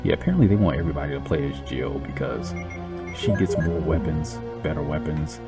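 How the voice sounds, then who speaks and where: A man with a very low, gravelly voice hosts a let's play with joking, sarcastic commentary. He teases the game as he plays. Game music is clearly heard behind him. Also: brisk. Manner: sarcastic, teasing about the game.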